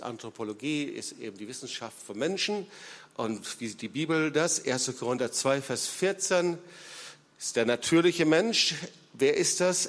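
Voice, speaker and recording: A man preaching a sermon as pastor, emphatic, with big swings in loudness and frequent hesitation fillers, in a church hall. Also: medium pitch. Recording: long hall reverb.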